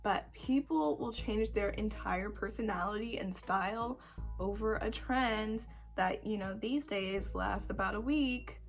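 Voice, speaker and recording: A 21-year-old woman with a croaky voice, chatting casually to camera in a rambling, self-deprecating way with dramatic emphasis. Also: mid-range voice, a little slow, faint music behind. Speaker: video creator answering follower questions.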